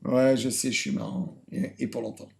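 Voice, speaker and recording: A man hosting a casual reaction commentary, sarcastic and self-mocking, often trailing off into quiet muttered asides. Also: medium pitch, lively intonation, moderate pace, vocal fry, husky. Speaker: host reacting to cooking videos.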